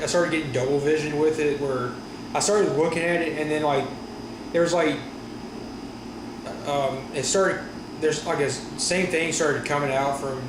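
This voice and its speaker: A man talking casually in a personal vlog after wisdom teeth surgery, with a sore stiff jaw, halting and often correcting himself. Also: fairly high pitch. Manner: halting, rambling, frequent self-corrections. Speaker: vlogger. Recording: roomy echo with steady room noise.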